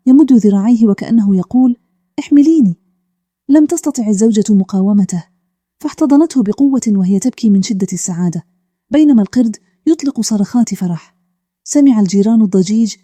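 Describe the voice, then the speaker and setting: A woman narrates a calm bedtime story in a steady, even manner. Her voice is very dark and mellow, and it sits a little high. The recording is close and dry. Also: no room sound.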